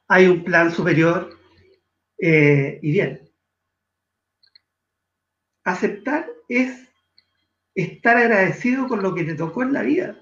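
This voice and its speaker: A man from Chile, a guest in an interview, speaking in an earnest, measured way that slows for emphasis. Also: high-pitched, reverberant, muffled recording. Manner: earnest, measured, shifts between slow emphasis and quick asides. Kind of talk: reflective interview talk.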